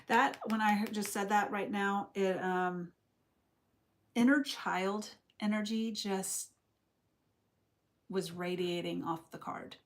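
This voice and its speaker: Young woman, tarot reader on a live stream; unhurried, meandering, chatty delivery, mid-range voice. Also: medium pitch, steady tone. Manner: rambling, reflective, loose and chatty. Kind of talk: casual live tarot reading.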